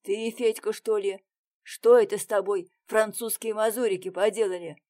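A woman voicing a cheeky male soldier friend who speaks in a loud, teasing way in a storybook reading. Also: medium pitch, fairly even intonation, normal speed, natural voice.

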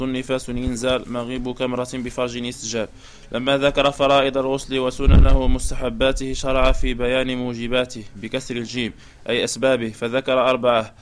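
A man reading a religious text aloud in class, as a student, in steady recitation. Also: mid-range voice, smooth.

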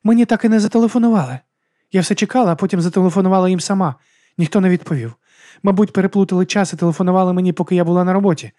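Man voicing a shrill, furious young woman. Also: racing, dry recording, studio quality, close to an everyday voice. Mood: nervous. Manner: shrill, tearful shouting. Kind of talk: audiobook character voice.

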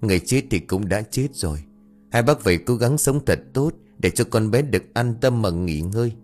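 A male narrator gives voice to an older villager who talks in an earnest, halting way. His lines in this storybook swing widely in pitch over a faint music bed. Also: expressive, darkish tone. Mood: sorrowful. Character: older village man, mourner, shaken and pleading.

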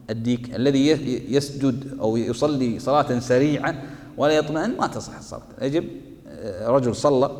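With a medium-pitched, somewhat dark voice, a male jurisprudence teacher walks students through a fiqh text. He reads passages, then explains them in everyday language, often asking a question and supplying the answer himself, and the recording has a big-room sound.

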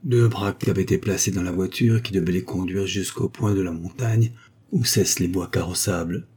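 Male audiobook reader, low, dark, husky, measured. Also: slight background noise. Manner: steady, measured reading. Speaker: audiobook narrator. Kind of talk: scripted narration.

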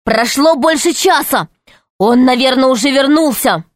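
A woman voicing an excitable young boy who pleads urgently in an audiobook story. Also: high voice, measured pace, dry recording, studio quality, pitched above the performer's own voice.

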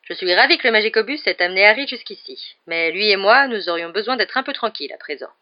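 A woman's voice: medium pitch, lively intonation, fast, lo-fi sound, lightly acted. A woman voicing a tired, brusque middle-aged male minister in a storybook reading, curt and officious.

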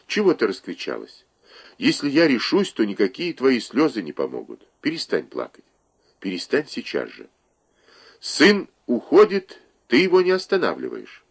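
A man voicing a calm, stubborn young woman who speaks firmly and steadily in a read-aloud story. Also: medium pitch, moderate pace, creaky, slightly rough, pitched above the performer's own voice, exaggerated voice.

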